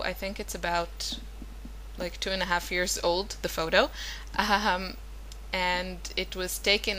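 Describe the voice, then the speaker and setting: A scrapbooking vlogger whose first language is Hebrew narrates her craft process in a loose, casual voice-over, full of fillers and self-corrections. Her fairly low voice has a sharp tone. The audio is poor, with slight background noise.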